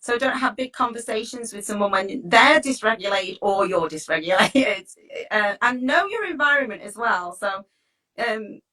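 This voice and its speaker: This woman, a coach and host focused on teacher well-being, has a medium-pitched, bright, pushed voice with lively intonation at a normal speed. Her informal advice talk is chatty and reassuring, and she acts out sample phrases along the way.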